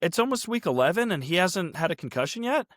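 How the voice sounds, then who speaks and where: A man's voice: sits high, fast, no echo, clean studio sound. Chatty man talking sports. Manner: animated storyteller, acts out quotes. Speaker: podcast host. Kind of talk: casual sports chat.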